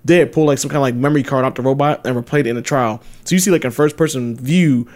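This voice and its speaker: A man co-hosting a podcast in casual chat, laughing often and retelling stories with lively put-on voices. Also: medium pitch, very fast. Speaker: podcast co-host.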